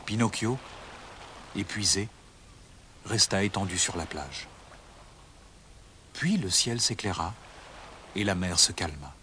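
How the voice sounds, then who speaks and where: A man narrating a children's storybook in a dramatic, expressive way. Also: deep voice, slow pace, pauses often, slight background noise. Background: music.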